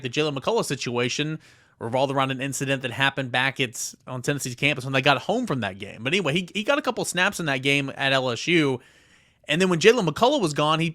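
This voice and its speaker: A man hosting a casual sports podcast countdown, chatty and emphatic, with many fillers and quick self-corrections. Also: medium pitch, fairly bright tone, dry recording, studio quality. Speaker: podcast host.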